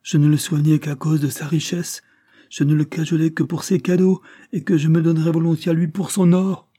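A man reading aloud voices a frail, lovesick young English lady who pleads in a higher, trembling tone. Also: normal speed, warm tone, husky, no room sound, studio quality. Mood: ashamed.

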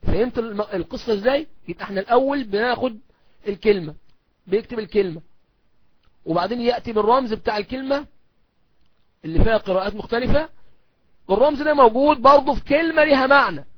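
A man speaking with an Egyptian accent, teaching in a recorded course lecture. He explains step by step, poses questions and answers them himself, and slows right down to recite lines of verse. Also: very high-pitched, breathy edge, dry recording, lo-fi sound. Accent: Egyptian Arabic.

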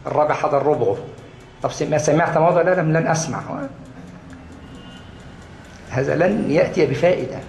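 A man with an Egyptian Arabic accent giving a religious lesson to a class, repeating key words for emphasis and answering his own questions. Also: a little high. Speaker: Islamic studies lecturer. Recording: echoey room, faint background noise.

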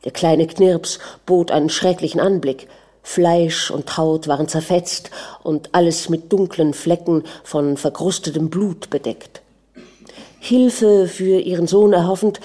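A woman narrating a literary novel aloud in a calm, measured reading. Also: fairly low pitch. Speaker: audiobook narrator.

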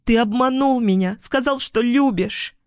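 A man voicing a volatile, clingy young woman in an audiobook, given to shrill screaming outbursts. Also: a little slow, dry recording, clean studio sound. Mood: furious. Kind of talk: audiobook character voice.

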